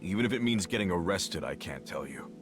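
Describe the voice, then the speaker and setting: A man's voice: low-pitched, animated, a little fast, over music. An actor playing a stoic, loyal man in a game, grave and stubborn as he guards a guilty secret. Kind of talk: scripted game acting.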